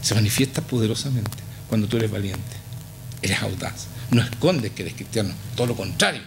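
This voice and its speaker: A middle-aged man with a Chilean Spanish accent preaching a passionate sermon in a church, swinging from low to high with emphatic repetition. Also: normal speed, noisy background. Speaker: pastor.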